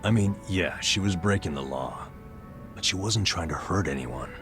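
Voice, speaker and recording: A low, lively-inflected male voice at a moderate pace plays a worn-out, middle-aged ex-nurse in a video game, recounting his story in an American accent. He sounds wry, regretful, and wearily self-deprecating, with music behind him.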